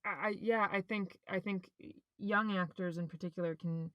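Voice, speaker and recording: A woman's voice: medium pitch, steady tone, moderate pace, dry recording, highs cut off. A woman with a mid-range voice reflects on acting over a video call. She talks in a rambling, thoughtful way and often restarts her sentences. The sound is dry and close. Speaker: actor and podcast host. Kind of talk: casual conversation about acting.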